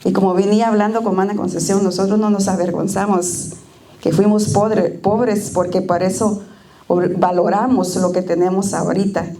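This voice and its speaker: Middle-aged woman, church testimony, mellow dark tone, tender and plainspoken with pauses. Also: mid-range voice, steady tone, slight background noise. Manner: tender, plainspoken, with frequent hesitations. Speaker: church member giving a reflection. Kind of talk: personal testimony and prayer. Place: church service.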